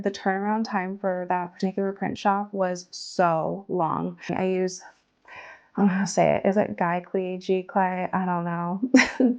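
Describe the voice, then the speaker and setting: A woman's voice: fairly low pitch, darkish tone, muffled recording. A woman who is an artist and small business owner, talking casually through her studio work in a chatty, self-deprecating way with frequent laughs. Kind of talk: casual studio vlog narration. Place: home art studio.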